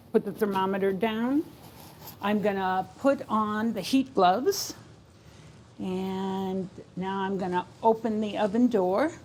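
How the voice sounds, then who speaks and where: A woman's voice: medium pitch, a little mellow, a little hiss or hum. Woman instructor narrating a step-by-step demonstration. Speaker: instructor demonstrating a kitchen aid for people with sight loss. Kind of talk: spoken how-to demonstration. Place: home kitchen.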